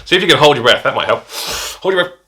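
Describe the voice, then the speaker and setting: A man's voice: a little high, lively intonation, quick pace, noisy background. A man leading a hypnosis demonstration, guiding breathing and playful smell suggestions with laughing asides. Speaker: hypnotist instructor.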